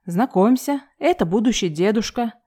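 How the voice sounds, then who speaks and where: A woman voicing a bitter young man, rude, loud and sarcastic. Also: mid-range voice, normal speed, natural voice.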